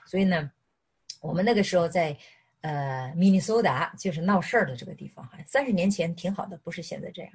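A middle-aged woman from mainland China gives an animated sermon, mixing personal testimony with questions to her listeners. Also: on the low side, brisk, husky. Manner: animated, repeatedly asks "是不是". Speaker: preacher.

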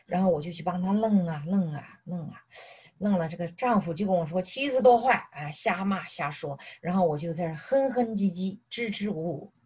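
A middle-aged woman from mainland China gives an animated sermon, mixing personal testimony with questions to her listeners. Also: lowish voice, a little fast, husky. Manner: animated, repeatedly asks "是不是". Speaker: preacher.

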